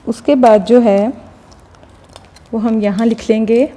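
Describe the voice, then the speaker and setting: Patient woman teacher, mellow voice. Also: a little high, fairly even intonation, slow pace. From Pakistan. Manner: explains step by step, repeats "ठीक है" often. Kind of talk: recorded classroom lecture.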